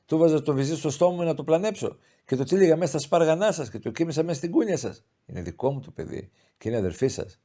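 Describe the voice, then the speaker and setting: A man's voice: fairly high pitch, expressive, hardly any pauses, mellow, pitched above the performer's own voice. A man reading as a grieving pious old mother. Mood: insistent.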